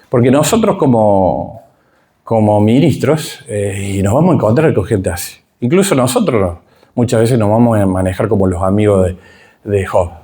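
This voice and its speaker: A middle-aged man with a Rioplatense accent gives a Bible class lecture in a warm, mellow voice at a mid pitch. He speaks with emphasis and keeps asking his listeners rhetorical questions. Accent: Rioplatense Spanish. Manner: emphatic, checks in with the audience through rhetorical questions. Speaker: Bible teacher.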